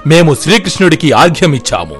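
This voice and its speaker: A defiant young warrior prince, as a male storyteller puts him on, raised in pitch and firm with challenge. Faint music plays behind. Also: sing-song, fast talker, fairly bright tone. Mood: fierce. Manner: fierce challenge.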